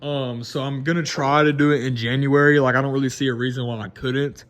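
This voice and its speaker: A twenty-year-old vlogger from Mississippi in the American South talks casually to camera, rambling unscripted with lots of restarts and fillers. His mid-range voice is steady, a bit bright, and a little fast.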